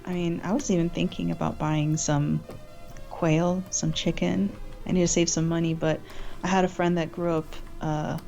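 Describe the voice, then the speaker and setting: A woman in relaxed chat on an art stream, quick to joke and laugh. Faint music plays behind her voice. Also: fairly low pitch, gravelly, lo-fi sound. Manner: joking, chatty, laughs often. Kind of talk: casual chat.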